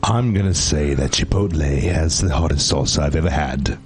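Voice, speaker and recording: A man's voice: a bass voice, moderate pace. A man in a casual podcast chat who makes wry, joking remarks.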